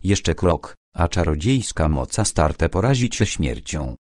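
A man's voice: low voice, sing-song, a little slow, darkish tone, dry recording, clean studio sound, full character voice. A man voicing a young woman who poses as a priestess, in a solemn chanting delivery, in an audiobook. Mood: ominous.

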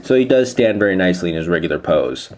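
A man casually reviewing a toy, rambling a bit and pausing with frequent fillers. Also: low-pitched, expressive, a little mellow.

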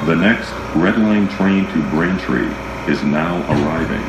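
A male transit announcer gives train and station announcements on subway trains and platforms, measured and formal with evenly spaced phrases. The lo-fi recording captures him over rumbling train noise.

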